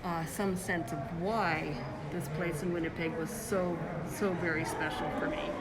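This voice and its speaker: Amid heavy crowd chatter at a busy gallery opening, a Congolese woman livestreams from her phone, chatting casually as she walks and shows off her own artwork indoors. Her voice is lowish and fairly even in intonation, her pace unhurried, and the audio very noisy.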